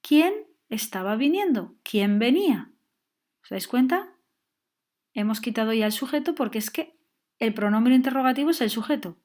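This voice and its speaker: Woman teaching grammar, slightly high. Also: lively intonation, moderate pace, a little mellow. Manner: clear, patient explaining with frequent check-ins. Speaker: English teacher. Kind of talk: grammar lesson.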